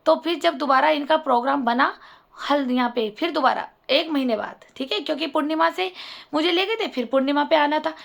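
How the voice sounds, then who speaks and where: Middle-aged woman vlogger, animated storyteller, high gravelly voice. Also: a little fast. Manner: animated, acts out quoted voices. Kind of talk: personal storytelling monologue.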